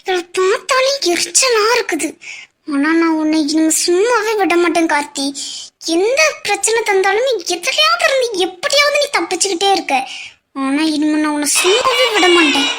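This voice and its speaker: A woman's voice: extremely high pitch, sing-song, moderate pace, fairly bright tone, a little hiss or hum, exaggerated voice. A woman voicing a jealous, scheming young woman villain in a family cartoon, with a sneering, spiteful manner. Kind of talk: cartoon voice acting.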